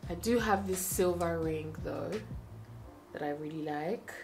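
A woman's voice: low-pitched, unhurried, over music. A young woman, chatting to the camera in her bedroom while getting ready, thinking aloud about her outfit. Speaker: lifestyle vlogger. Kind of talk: casual chat to camera. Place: bedroom indoors. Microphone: camera close up.

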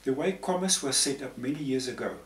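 Expressive and brisk, his mid-range voice carries explanations that wander in a chatty way and often circle back on the same words. He's a man in his sixties from Zambia appearing as a panel guest before a patterned tapestry backdrop. There's a faint hiss, and the sound is roomy and distant.

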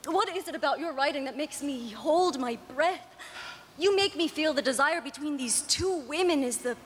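An actress playing a playwright's passionate young wife, who gushes breathlessly and laughs on live stage. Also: female voice, high voice, animated, normal speed, big-room sound, slight background noise. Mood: rapturous. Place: large hall with a glass ceiling.

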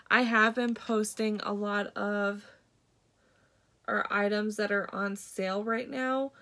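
Slow, congested young woman with vocal fry. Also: mid-range voice, fairly bright tone. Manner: rambling, many ums and likes. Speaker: beauty vlogger and product seller. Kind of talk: casual makeup vlog chat.

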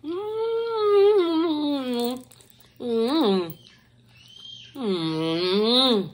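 A woman's voice: high voice, expressive, extremely slow. Woman talking with her mouth full. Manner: chatty, savoring with long hums. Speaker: food vlogger. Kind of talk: casual food review.

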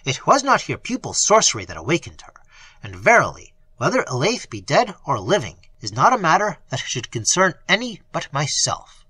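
A man's voice: on the high side, huge pitch swings, normal speed, sharp tone, breathy edge, no room sound, heavily acted. A man voicing a bold, furious young traveller who speaks curtly and defiantly. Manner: curt, defiant.

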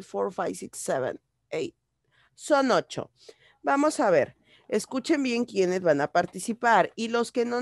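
In an online class, a primary school English teacher patiently repeats each phrase in Spanish for young children. Her voice is medium-pitched, with studio-quality sound and no echo.

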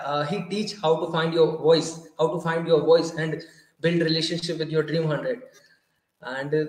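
A man's voice: fairly high pitch, echoey room, poor audio. A man hosting an online interview show, speaking in earnest, grateful English with many restarts.

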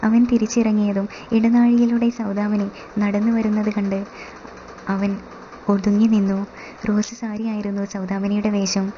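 Woman, storyteller, scripted narration, steady reading, dark tone, muffled sound. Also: mid-range voice. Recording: dull recording with faint hiss.

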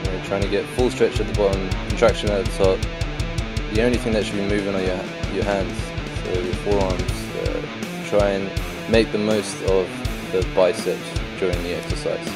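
A man with a hoarse, croaky frog-in-the-throat voice from a sore throat, plainly explaining a workout in voice-over. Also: low voice, little pitch movement, normal speed. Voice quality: croaky, froggy voice. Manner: plain, instructional. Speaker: vlogger, fitness trainer. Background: prominent guitar music.

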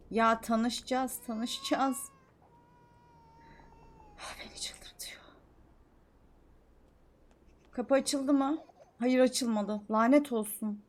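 A young woman streaming a life-sim game, chattering excitedly, scolding the characters and swinging from mutters to shouts. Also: fairly high pitch. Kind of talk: live gameplay commentary.

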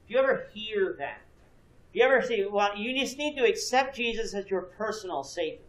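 A man in his thirties teaches a Bible class in a church classroom with a projection screen, explaining earnestly and questioning his students. His high voice is animated, brisk and a bit bright, recorded from a far camera with no visible mic, so the room sounds echoey and distant.

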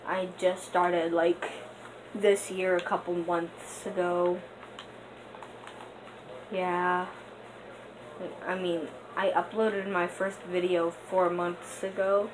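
Slow, rambling young gamer with noisy audio. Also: female voice, fairly low pitch. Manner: rambling and hesitant, with many fillers; bursts into excited gasps during play. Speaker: gaming channel host. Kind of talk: casual gameplay commentary. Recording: noticeable background noise.

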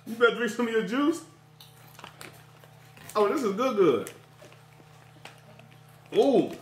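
A man's voice: high voice, big pitch swings, slow pace, pauses often, slight background noise. A man hosting a casual food review taste test at home, chatty and teasing. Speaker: video host. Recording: echoey room.

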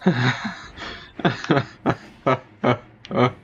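A man's voice: medium pitch, very slow, fairly bright tone, lo-fi sound, a little hiss or hum. A man giving profane commentary while playing a horror game, laughing often and talking back to the game. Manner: swears a lot, laughs often, talks to the game. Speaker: let's play gamer.

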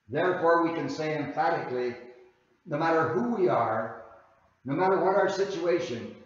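A man preaching a sermon as a guest minister, slow and deliberate, leaning hard on key phrases. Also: on the high side. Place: church sanctuary. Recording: very echoey hall, voice from far off, dull sound.

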